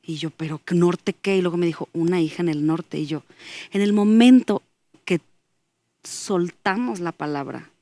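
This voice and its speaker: A woman's voice: on the low side, normal speed, mellow, no echo. A woman, a guest giving an earnest faith testimony as she tells a story and acts out the dialogue in it.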